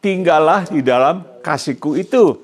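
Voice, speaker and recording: A man's voice: on the high side, moderate pace. A male pastor preaching a sermon who keeps quizzing his congregation mid-sentence and drops English phrases into his emphatic preaching.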